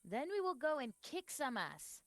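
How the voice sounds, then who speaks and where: Gutsy young game heroine, a bit high, blunt and ready to fight. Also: female voice, sing-song, moderate pace, fairly bright tone, soft background music, full character voice. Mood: determined. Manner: blunt and determined. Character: bold young female ally, eager to fight.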